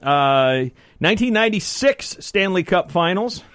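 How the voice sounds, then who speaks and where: A man's voice: sits high, sing-song, a little slow, a bit bright, clean tone, dry recording, clean studio sound. A man hosting a morning sports radio show, chatting casually and thinking aloud. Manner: rambling, thinks aloud with fillers.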